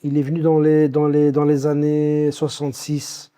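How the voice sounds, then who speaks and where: A Belgian-born man in his fifties, recounting his life story as an interview guest, with many pauses and restarts. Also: a little high, completely flat delivery, dark tone, clean tone. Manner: hesitant, many fillers and restarts.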